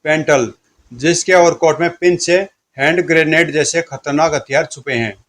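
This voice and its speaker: Lively male storyteller. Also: fairly high pitch, normal speed. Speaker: narrator. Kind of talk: Hindi comic audio story narration.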